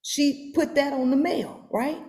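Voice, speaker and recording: High-voiced woman host, mocking and profane. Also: unhurried. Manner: profane, mocking, emphatic, at times shouting. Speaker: podcast host. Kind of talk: reaction commentary. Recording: roomy echo.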